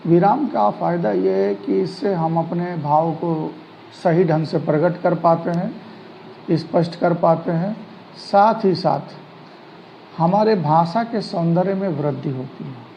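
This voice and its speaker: A man teaching an online grammar lesson, speaking slowly and deliberately in a somewhat high voice. The recording is dull and lo-fi, with a faint ambience behind him. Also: vocal fry, a little hiss or hum. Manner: slow, deliberate explaining.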